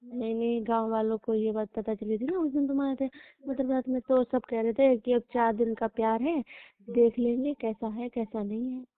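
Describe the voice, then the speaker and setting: Over a dry, narrow and tinny phone line, a girlfriend in her young adult years from rural Uttar Pradesh, India, speaks plaintively and intimately in a casual personal call. Her voice is a little high, with fairly even intonation and a moderate pace.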